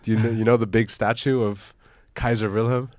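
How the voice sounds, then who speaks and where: A man's voice: lowish voice, little pitch movement, brisk, dry recording, clean studio sound. A man from Hong Kong, a startup founder, chatting casually as a guest in a live podcast interview.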